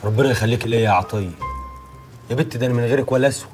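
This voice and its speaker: A man's voice: medium pitch, racing, a little mellow, soft background music, close to an everyday voice. An actor playing an Egyptian husband who sweet-talks his wife in a coaxing way. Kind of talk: comedic film acting.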